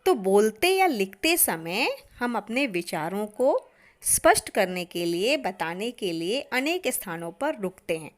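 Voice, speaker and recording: An Indian woman teaching an online grammar lesson to children, speaking deliberately and often addressing the class. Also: mid-range voice, sing-song.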